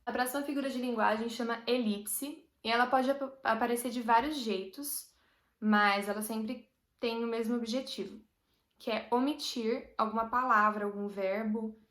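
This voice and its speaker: A woman with a Brazilian Portuguese accent, teaching a casual language lesson and patiently explaining with everyday examples. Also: fairly high pitch. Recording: roomy echo.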